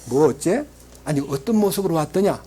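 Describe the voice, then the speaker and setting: A man's voice: fairly high pitch, sing-song, brisk, warm tone, breathy edge. A man playing a resentful elder son who complains with indignant questions, as a sermon retelling. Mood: suspicious.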